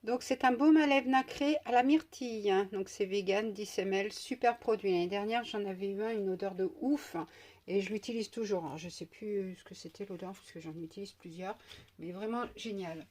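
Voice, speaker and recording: A woman's voice: medium pitch, moderate pace, a little mellow. A woman chatting casually through an unboxing at home, with many fillers, sometimes cooing to her pet. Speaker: beauty vlogger.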